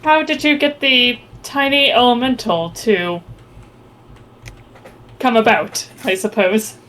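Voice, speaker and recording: Woman player, higher voice, unhurried and relaxed. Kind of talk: tabletop role-play.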